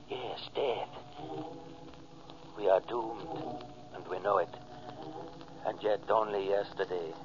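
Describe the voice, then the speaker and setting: A doomed German U-boat officer calls out in a German accent through crackling radio-room static. He pleads and sounds resigned. The old recording is muffled and hissy. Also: mid-range voice. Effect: faint voice over a radio receiver with static. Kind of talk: 1940s radio acting.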